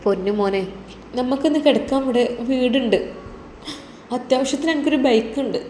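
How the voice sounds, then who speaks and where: A grieving old mother in a spoken story, tender and tearful, pitched a little higher as a woman acts her out. The tone is warm and mellow, and the recording sounds roomy with faint noise behind. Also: fairly quick, lightly acted.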